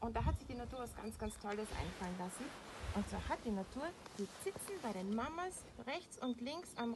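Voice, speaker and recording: A young Austrian woman explains animals to children in a kindergarten teacher manner, using simple words, recorded outdoors. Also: fairly high pitch. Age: young adult. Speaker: animal trainer and presenter. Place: outdoors in a small animal enclosure. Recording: clear outdoor background noise, animal sounds.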